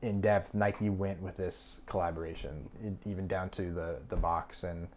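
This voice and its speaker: A man's voice: low-pitched, fairly even intonation, normal speed, darkish tone. A young man co-hosting a podcast, chatting casually and rambling with fillers and restarts. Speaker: podcast co-host. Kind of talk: casual chat.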